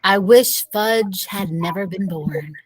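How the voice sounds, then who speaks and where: Slow and mid-range in pitch, a woman teacher's voice carries the storybook dialogue of a children's novel as she reads it aloud from a little away from the microphone.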